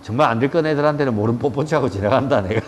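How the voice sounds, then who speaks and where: A man's voice: mid-range voice, quick pace, a little hiss or hum. A middle-aged man with a Gyeongsang accent, giving a yoga lecture and telling joking stories in coarse, blunt language. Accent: Gyeongsang Korean. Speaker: yoga teacher. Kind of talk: casual lecture with anecdotes. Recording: reverberant room with faint ambience.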